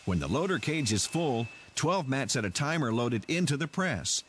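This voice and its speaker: Man narrating an industrial tour, lively pitch. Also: normal speed, slight background noise.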